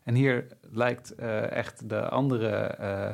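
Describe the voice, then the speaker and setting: Male theatre critic, creaky voice, reflective and measured. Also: mid-range voice, fairly even intonation. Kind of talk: conversational theatre review talk.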